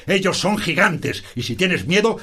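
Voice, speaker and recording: An actor playing a deluded, grandiose old knight who declaims in lofty, archaic speech. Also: male voice, high-pitched, sing-song, measured pace, bright, forceful tone, husky, full character voice. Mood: grandiloquent.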